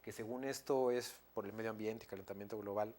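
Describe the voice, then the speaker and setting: A man's voice: lowish voice, fairly even intonation, quick pace, dark tone. A man in his thirties with a Mexican accent giving an academic lecture, hesitant, with many fillers, restarts and tag questions. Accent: Mexican Spanish.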